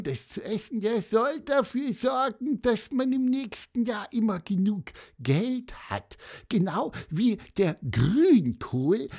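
A woman voicing a chatty, know-it-all little bird in a children's audio story, lively and talkative. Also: mid-range voice, husky, full character voice. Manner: lively, talkative, fond of "ja, ja" and "mein Lieber".

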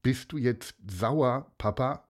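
A man's voice: mid-range voice, takes it slowly, a little mellow, voice pushed up. A man voicing a kind-hearted young boy who talks eagerly and hesitates with fillers, in a storybook reading. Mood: unsure.

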